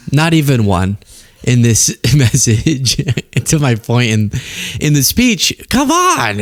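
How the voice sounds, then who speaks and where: In clean studio sound with no room noise, a medium-pitched man hosts a political commentary show. He's conversational and wry, mocking the messages he reads out.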